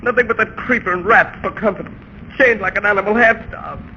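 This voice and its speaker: High, strained, despairing male captive. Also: fairly quick, pushed and bright, heavily acted. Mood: bitter, despairing. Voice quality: frantic, strained. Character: despairing, hysterical male captive chained for two months. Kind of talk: 1930s radio acting. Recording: noisy, muffled 1930s radio recording.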